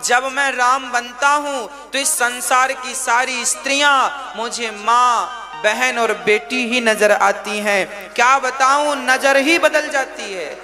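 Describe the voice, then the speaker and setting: Man doing a pleading demon king in a sermon, high voice, music bed behind. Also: takes it slowly, heavily acted. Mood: self-pitying. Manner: pleading, self-pitying. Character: weeping proud demon king, husband.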